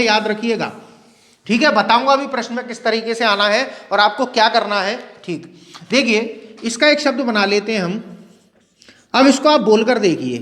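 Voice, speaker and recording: A man teaching Hindi grammar in a video lecture, asking questions and answering them himself and slowly repeating key words. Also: sits high, a bit bright. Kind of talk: classroom-style video lecture. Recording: long reverb.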